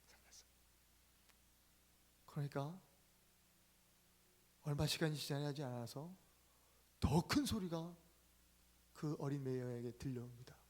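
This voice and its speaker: A male pastor preaching a sermon, telling stories emphatically with sharp swings in loudness. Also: a little high, measured pace, long pauses.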